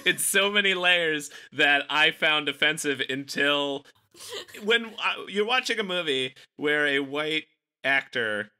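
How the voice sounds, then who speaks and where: A man's voice: fairly high pitch, expressive, takes it slowly, bright, forceful tone, clean tone. A man co-hosting a movie podcast, chatting casually and laughing through his jokes. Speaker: podcast co-host. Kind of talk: casual movie review chat.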